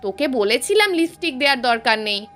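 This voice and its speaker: A woman's voice: high-pitched, very animated, fairly quick, a bit bright, soft background music. A woman voicing a chatty, teasing young female classmate.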